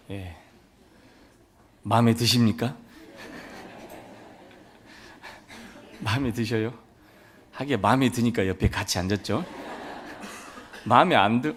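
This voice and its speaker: A man's voice: fairly low pitch, moderate pace, long pauses, a bit bright, slight background noise. A man preaching a sermon as a pastor, telling folksy stories and acting out family dialogue. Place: church sanctuary.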